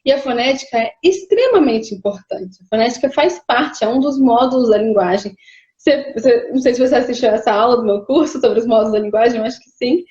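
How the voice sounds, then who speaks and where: A woman's voice: fairly high pitch, quick pace, warm tone, reverberant, dull audio. A woman from Rio de Janeiro, explaining language patiently with frequent hesitations as an interview guest. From Rio de Janeiro, Brazil. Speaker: linguist guest. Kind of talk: explanatory conversation.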